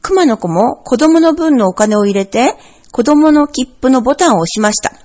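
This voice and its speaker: A woman narrating a children's storybook in a gentle, expressive read-aloud manner. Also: high voice, moderate pace. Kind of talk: storybook reading.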